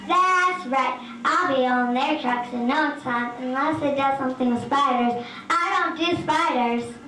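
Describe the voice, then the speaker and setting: A woman's voice: high voice, a little slow, bright, forceful tone, echoey room, a little hiss or hum, low-quality recording. A woman playing a spunky young girl detective in a mock advertisement. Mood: perky.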